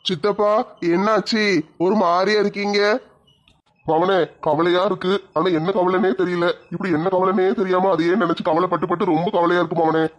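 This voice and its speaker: A man's voice: high voice, fairly even intonation, moderate pace. A man playing an easygoing relative in a comic skit. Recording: dull lo-fi audio.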